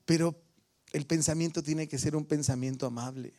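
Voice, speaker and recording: A man's voice: a little high, steady tone, moderate pace, warm tone, faint music behind. A middle-aged man with a Mexican accent preaching a sermon to his church, firing questions at the congregation and teasing listeners by name. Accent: Mexican Spanish. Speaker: pastor.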